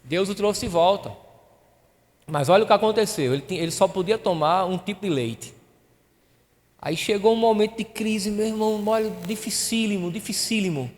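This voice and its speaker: A man's voice: high-pitched, normal speed, long pauses, a little mellow. A male pastor, preaching a sermon in a church and telling a personal story with emotion, acting out the dialogue. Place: church hall. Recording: reverberant hall.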